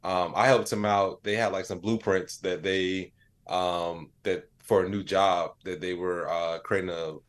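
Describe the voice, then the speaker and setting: A deep-voiced American man, an AI educator and comedian, speaks a little slowly as a podcast guest in a casual conversation. His storytelling is animated, with quoted dialogue acted out and frequent "like" and "you know."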